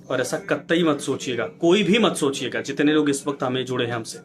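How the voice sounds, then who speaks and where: A man's voice: medium pitch, brisk, a little hiss or hum. A male news anchor giving an impassioned, preachy commentary, exhorting viewers and firing off rhetorical questions.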